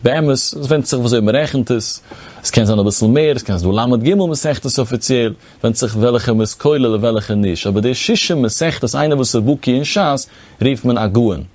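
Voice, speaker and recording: A man's voice: medium pitch, a little fast, darkish tone, no echo. A man teaching a religious text, reading Hebrew phrases in a chanting cadence and then explaining them. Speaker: Torah teacher.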